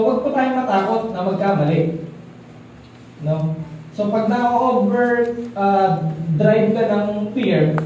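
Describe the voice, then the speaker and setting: A high-voiced man, a church leader, delivers a relaxed, chatty sermon to his congregation and keeps asking listeners for agreement. The distant mic picks up an echoey hall along with a little hiss or hum.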